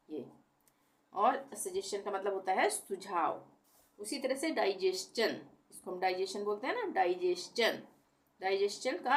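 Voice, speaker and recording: A woman giving a pronunciation lesson, slowly repeating each example word to drill it. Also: mid-range voice. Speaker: English pronunciation teacher. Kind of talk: classroom-style lesson explaining rules.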